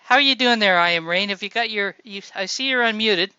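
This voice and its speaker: A woman's voice: medium pitch, a little fast, bright, forceful tone, clean tone, dry recording. A woman hosting a casual group voice chat, upbeat and encouraging as she calls on each speaker. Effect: group voice chat audio. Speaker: host of a voice-chat showcase. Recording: dull lo-fi voice chat sound.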